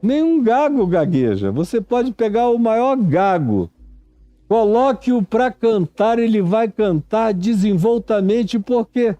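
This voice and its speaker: A man in his seventies with a Brazilian Portuguese accent, a preacher telling a reflective story in a sermon, unhurried and reminiscing. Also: high voice, big pitch swings, warm tone, no room sound. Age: 70s. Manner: slow, unhurried, reminiscing, acts out stammering syllables.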